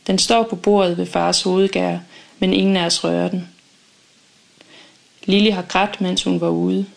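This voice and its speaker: A woman reading a first-person audiobook in a calm, measured, intimate way. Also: lowish voice, gravelly. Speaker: audiobook narrator.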